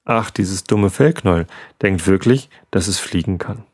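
A man's voice: low voice, measured pace, darkish tone, slightly rough, no echo, studio quality. A man doing a sly growling fox. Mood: dismissive. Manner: growling, dismissive.

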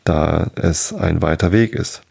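A man's voice: sits low, slow pace, creaky, darkish tone, husky, exaggerated voice. A man voicing a hapless, tipsy countryman in a folk tale, fawning and flowery in his politeness.

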